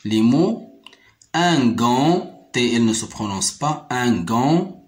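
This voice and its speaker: Slow, deliberate Moroccan teacher man. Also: medium pitch, expressive, darkish tone. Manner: repeats words slowly syllable by syllable, explains in Arabic too. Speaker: primary school teacher. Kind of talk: slow, deliberate French phonics lesson.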